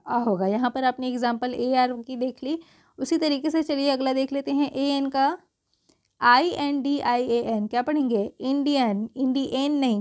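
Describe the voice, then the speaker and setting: Hindi-speaking woman teaching slowly, letter by letter. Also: high voice, a little mellow. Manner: slow, drawn-out spelling of letters; checks in with frequent "okay" and rhetorical questions. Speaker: English teacher. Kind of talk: explaining pronunciation rules.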